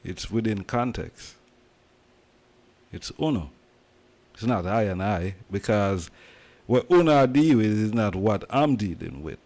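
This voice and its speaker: A man's voice: lowish voice, expressive, unhurried, pauses often, darkish tone. A man from Jamaica with a Jamaican accent, talking emphatically in patois as host of a casual commentary.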